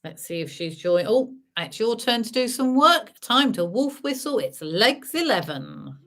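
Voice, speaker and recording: A woman's voice: fairly high pitch, sing-song, measured pace, a bit bright. A woman hosting as a bingo caller, announcing numbers in traditional rhyming calls with chatty asides in between.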